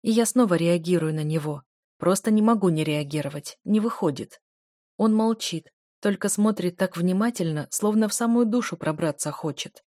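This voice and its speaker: A woman's voice: fairly low pitch, normal speed, dark tone, no room sound, studio quality. A woman narrating a first-person romance audiobook in an emotive reading style.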